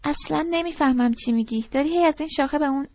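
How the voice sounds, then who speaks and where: A woman's voice: high-pitched, a little mellow, a little hiss or hum, pitched above the performer's own voice. A woman voicing a prim, impatient teenage girl on a date, speaking curtly and with exasperation in a storybook reading. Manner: curt and exasperated. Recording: dull lo-fi recording.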